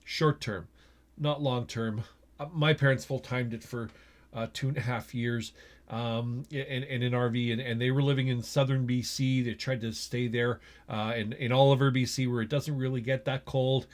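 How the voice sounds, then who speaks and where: A man's voice: mid-range voice, fairly even intonation, normal speed. A middle-aged man with a Western Canadian accent, talking casually and with opinions in an explanatory vlog, checking in with the listener as he goes, recorded indoors in a small space. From Edmonton, Alberta, Canada. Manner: conversational, opinionated, often asks "okay?" and "right?". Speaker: vlogger, RV store general manager.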